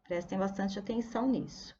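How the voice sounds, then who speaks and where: A woman teaching a primary school video lesson, patiently addressing children and sounding out words slowly, syllable by syllable. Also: medium pitch, mellow, highs cut off, slight background noise. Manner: slow, deliberate syllable-by-syllable enunciation.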